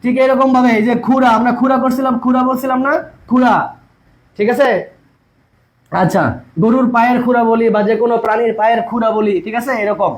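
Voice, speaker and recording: A man with a voice very high for a male teaches an online exam-prep class, repeating each point and firing rhetorical questions at his students. He speaks briskly in a steady tone. The audio is poor.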